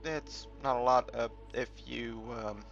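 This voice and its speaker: A British man with a mid-range, slightly slow, gravelly voice rambles through an unscripted game walkthrough, hesitating as he thinks aloud. He's a gamer making a tutorial, and the recording sounds muffled and dull, with music playing in the background.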